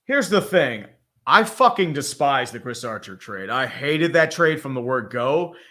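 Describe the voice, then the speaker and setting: A man's voice: medium pitch, very animated, measured pace, bright, forceful tone. A man co-hosting a live stream, talking about sports trades in a blunt, profane, rambling way. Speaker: co-host. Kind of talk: casual live-stream chat.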